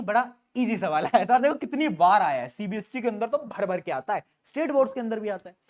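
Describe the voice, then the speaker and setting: A male teacher giving an energetic exam-prep lecture in a playful, teasing way, mixing English terms into his talk. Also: high voice. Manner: playful, teasing, calls students "beta"; mixes English terms into Hindi.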